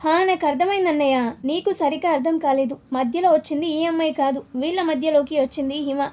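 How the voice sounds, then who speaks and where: A woman's voice: high-pitched, fast, darkish tone, close to an everyday voice. A woman voicing a middle-aged aunt in a storybook reading, earnest and pleading.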